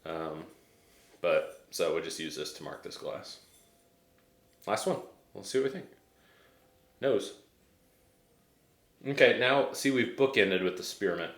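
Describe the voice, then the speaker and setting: A deep-voiced American man gives a casual tasting review. He talks hesitantly, working out his thoughts as he goes. The sound is roomy, with noticeable echo. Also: animated, takes it slowly, pauses often, fairly bright tone. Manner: hesitant, thinking aloud. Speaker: whiskey reviewer.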